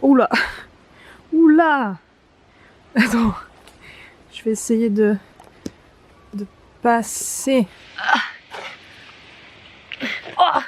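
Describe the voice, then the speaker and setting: A woman's voice: on the high side, very slow, pauses often. A woman from the Yvelines, chatting casually while hiking through a forest, thinking aloud with plenty of fillers. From Yvelines, France. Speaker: travel vlogger. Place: forest trail outdoors.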